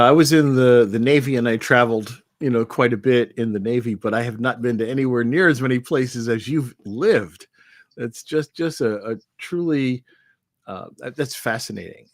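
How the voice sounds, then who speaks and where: A man's voice: mid-range voice, no echo, clean studio sound. A man hosting a podcast interview, chatty and enthusiastic, often restarting his sentences. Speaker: podcast host. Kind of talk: conversational interview.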